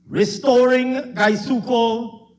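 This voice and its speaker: A man's voice: very high-pitched, fairly even intonation, slow pace. A man with a Guyanese accent, a government minister delivering a formal budget speech in parliament, emphatic and repeating lines for emphasis. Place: parliament chamber.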